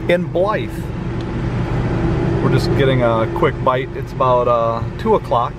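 Man vlogging over loud road noise. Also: medium pitch, measured pace. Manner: chatty, relaxed narration with small fillers. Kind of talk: casual travel vlog narration. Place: inside a moving car on a highway. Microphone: camera mounted on the dashboard.

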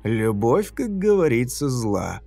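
A man's voice: mid-range voice, sing-song, slow, gravelly, a little mellow, soft background music, exaggerated voice. A man voicing a sneering sadistic killer. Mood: taunting. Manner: taunting, sneering. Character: sadistic mocking male killer, cruel and playful.

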